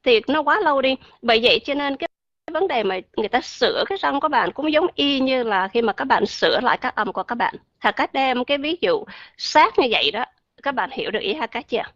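A woman's voice: high voice, lively intonation, fast, fairly bright tone, no room sound, highs cut off. A woman teaching an online English pronunciation lesson, chatty and checking often on her listeners.

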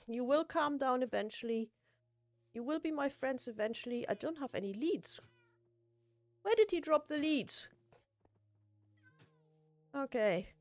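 A woman's voice: a little high, no echo. A woman streaming a building game, chatting casually, laughing often and poking fun at herself. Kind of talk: casual gameplay chat.

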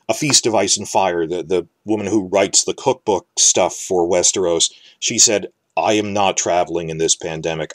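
A man's voice: sits low, no room sound. A man from the New York area giving casual solo commentary, rambling and speculative, often restarting his words. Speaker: fantasy TV commentator.

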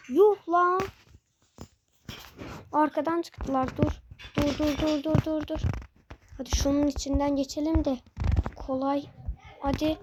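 High, excitable young gamer shouting commentary. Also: a little hiss or hum, rough recording. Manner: excitable, repeats phrases, shouts urgent commands at the screen. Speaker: gaming channel host. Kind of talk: excited live gameplay commentary.

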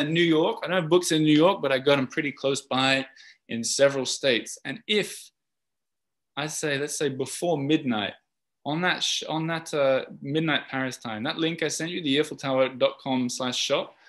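A man's voice: a little high, moderate pace, a bit bright. A man with an Australian accent, a podcast host, talking casually and rambling with lots of filler words on a video call. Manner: rambling, chatty, many fillers. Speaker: podcast host, guest speaker. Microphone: video call mic.

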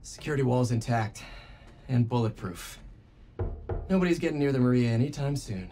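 A man's voice: medium pitch, expressive, normal speed, background noise, lightly acted. A man playing a young masked superhero in a video game, earnest, quippy and conversational. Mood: focused. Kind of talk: video game cutscene acting.

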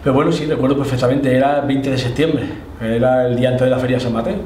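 A man's voice: medium pitch, steady tone, fast talker, a little mellow. A middle-aged man with an Andalusian accent telling his story conversationally in a casual interview. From Spain, Andalusia. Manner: conversational, often adds tag questions. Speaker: interviewee, Holy Week proclamation orator. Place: indoors, room with display cabinets. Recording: echoey, slightly distant, faint noise.

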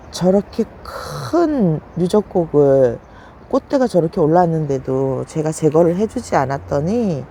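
A woman's voice: gravelly, mellow, a little hiss or hum. A woman casually narrating a tour of her succulents, chatty and exclaiming over them. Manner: chatty, exclaims over her plants with sudden high gasps. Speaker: succulent plant vlogger.

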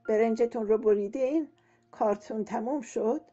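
A woman's voice: a little high, dark tone, natural voice. Woman putting on a gossipy old grandmother. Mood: curious. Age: older. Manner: complaining, nagging, talkative. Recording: dull lo-fi audio with faint music.

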